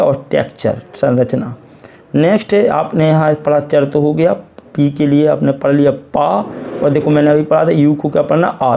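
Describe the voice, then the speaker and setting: A man's voice: fairly high pitch, vocal fry, mellow. An Indian man with an Indian accent teaching English reading step by step, patiently repeating words and quizzing the listener. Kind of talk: classroom-style phonics lesson.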